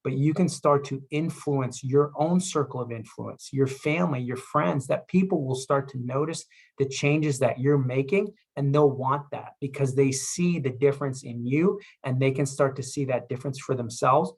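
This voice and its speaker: A man, a chiropractor, giving a motivational health talk with energetic, repetitive urging. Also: mid-range voice, moderate pace, hardly any pauses.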